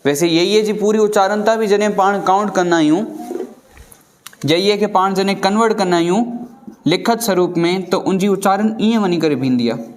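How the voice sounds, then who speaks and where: A man teaching a recitation class, chanting lines slowly word by word and checking often that the students follow. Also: high voice. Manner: slow syllable-by-syllable recitation, repeatedly checking with students. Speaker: Gurbani pronunciation teacher.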